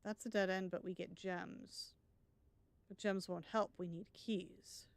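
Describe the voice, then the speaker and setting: Speaking slowly in a creaky, mid-range voice with fairly even intonation, this let's play streamer narrates her live gameplay. There's no echo on the recording. She thinks out loud about each choice, chatty and wry throughout.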